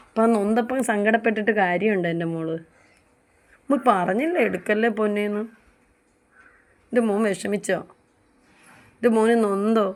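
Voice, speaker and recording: Soft coaxing young mother. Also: medium pitch. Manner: gentle, coaxing, repeats endearments. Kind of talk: comforting talk to a small child.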